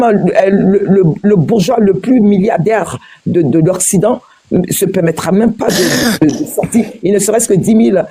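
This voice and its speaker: A woman's voice: mid-range voice, dark tone, husky. A woman from Guinea in a heated panel debate, firing repeated pointed questions with many hesitations and restarts. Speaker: debate participant.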